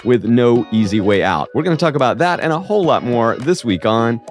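A man's voice: medium pitch, expressive, brisk, over music. An American man co-hosting a podcast, speaking emphatically and directly to listeners in a slightly froggy voice. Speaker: podcast co-host, veterinarian.

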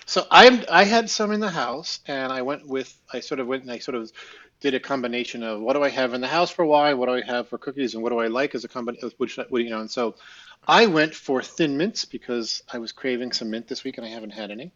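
A man's voice: mid-range voice, quick pace, fairly bright tone, muffled recording. A man chatting casually as a guest, rambling on at length. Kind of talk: casual chat.

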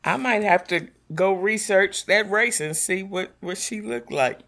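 Slow, bright-voiced woman co-host. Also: mid-range voice. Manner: reactive, teasing, exclamatory. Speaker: podcast co-host. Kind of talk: casual chat.

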